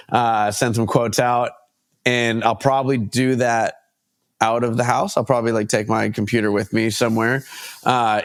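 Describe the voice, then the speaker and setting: A man in his thirties, a photographer guest on a podcast, chatting casually and rambling with many restarts, his voice stuffed up from allergies. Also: medium pitch. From United States. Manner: rambling, self-correcting, laughs easily. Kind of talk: casual interview chat.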